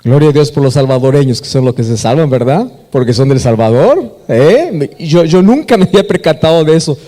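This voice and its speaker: Emphatic Peruvian pastor in an echoey hall. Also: male voice, fairly high pitch, animated, a little fast, dark tone. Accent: Peruvian Spanish. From Peru. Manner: emphatic, questions the congregation and answers. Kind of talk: sermon. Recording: echoey hall with long reverb.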